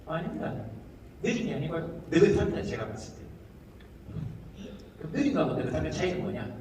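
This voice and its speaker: A man performing a comedic talk to a live audience, animated and jokey, slipping into quick impressions of how people talk. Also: a little high. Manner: animated, jokey, mimics regional speech in quick asides. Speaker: comedian giving a talk concert. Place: large hall with a live audience. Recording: echoey hall audio with noise, from far off.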